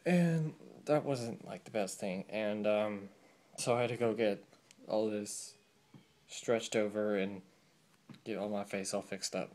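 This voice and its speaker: A man's voice: fairly low pitch, slow, darkish tone. A young man from California, telling his life story in a casual, rambling vlog with many fillers, recorded on a camera mic. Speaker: vlogger.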